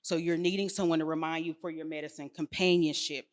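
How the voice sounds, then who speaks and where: Lively woman telling caregiving stories. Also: low-pitched, fast. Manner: lively storyteller, laughs often, acts out dialogue. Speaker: home care company representative. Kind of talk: casual panel discussion.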